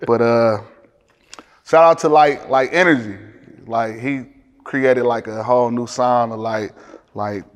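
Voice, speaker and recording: A man with a Detroit accent talks casually as a music producer being interviewed. His phrasing is streetwise, slangy and full of swearing. His voice sits at an average male pitch, with long room reverb around it. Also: measured pace, long pauses. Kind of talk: casual chat.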